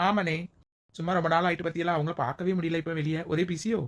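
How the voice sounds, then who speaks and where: A woman voicing a bold village woman who talks in a sharp-tongued, joking way. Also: low-pitched, steady tone, very fast, slight background noise, close to an everyday voice. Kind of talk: village comedy skit acting.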